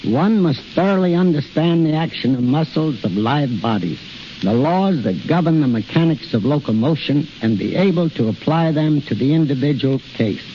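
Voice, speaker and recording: A middle-aged man, head of an institute, appears as a guest in a scripted 1930s radio interview, speaking formally and precisely. His voice is on the high side and expressive at normal speed, captured on a hissy, muffled 1930s recording.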